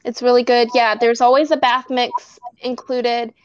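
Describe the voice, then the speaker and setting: A woman with a smooth, resonant voice that sits a little high, chatting casually as an interview guest. She rambles as she explains, leaning on fillers, and sounds close and dry. The recording is dull and lo-fi. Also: little pitch movement, normal speed, no echo. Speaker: guest, bath box maker.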